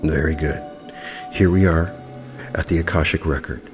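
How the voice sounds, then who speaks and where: Deep voiced guy doing guided meditation, soothing n hypnotic, music clearly playing behind him. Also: steady tone, moderate pace. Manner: soothing, hypnotic delivery with repeated phrases.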